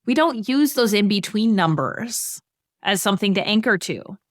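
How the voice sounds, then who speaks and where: A woman's voice: medium pitch, lively intonation, normal speed, dry recording, studio quality. A middle-aged woman on a financial podcast, explaining goal-setting with everyday examples in a conversational way.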